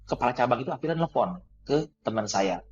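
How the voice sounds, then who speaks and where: A man telling a personal story in conversation, animated, laughing often and acting out the dialogue. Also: medium pitch, a little fast, highs cut off. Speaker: guest trainer.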